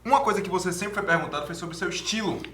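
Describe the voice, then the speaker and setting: Fast-talking man co-hosting. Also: sits high, sharp tone, reverberant. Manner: joking, quick banter. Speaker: co-host interviewer. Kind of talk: casual bar chat.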